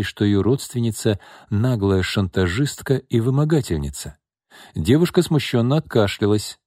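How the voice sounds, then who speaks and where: A man narrating an audiobook with an expressive, varied delivery. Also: on the low side, no room sound, clean studio sound.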